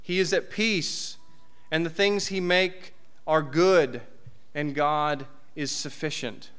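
Male preacher, 30s: high, crisp voice, conversational and lively delivery at a church podium. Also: takes it slowly. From United States. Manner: conversational, lively preaching with asides and rhetorical questions. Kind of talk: sermon. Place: church hall. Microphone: podium mic.

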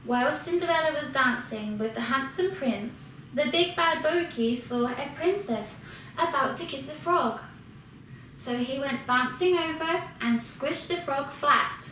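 Slow high-voiced woman reading a children's story. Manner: expressive, unhurried reading. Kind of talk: children's storybook read-aloud. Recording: very echoey room, distant mic, faint hiss.

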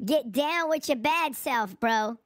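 A man voicing a hyped, slangy young male sidekick through a pitched-up chipmunk voice effect. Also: slow, very noisy. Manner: slangy, whooping. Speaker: co-host's comic sidekick voice. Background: loud music.

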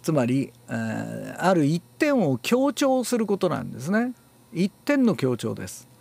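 A man giving a spoken lecture as an announcing and reading instructor, unhurried and explanatory, pausing often on fillers and stressing key words firmly. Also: on the high side, huge pitch swings, gravelly, a little mellow, husky. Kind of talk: spoken lecture on speech theory.

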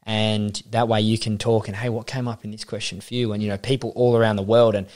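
Here a young adult Australian man, a coach guesting on a podcast, speaks fast in a low, slightly mellow voice with little pitch movement. The interview is casual, and he dramatizes quoted remarks while telling his story.

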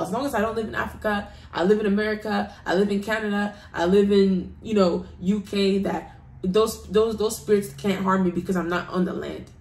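A British woman appearing as a guest shares an earnest personal testimony, pressing her listeners with a preacher-like emphasis. Her voice is medium in pitch with slight hiss or hum, and the recording has a roomy echo.

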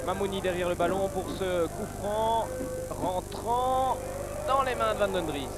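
A man giving excited football commentary as a match commentator, his voice surging with the play. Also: high voice, unhurried, loud music behind the voice. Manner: voice surges on chances and goals.

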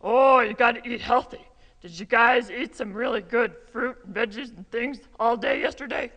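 A woman's voice: on the high side, moderate pace, fairly bright tone, long reverb tail. A woman voicing a cheerful male skeleton puppet who gives children friendly health tips. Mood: cheery. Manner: upbeat and encouraging. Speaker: puppet character in children's yoga class.

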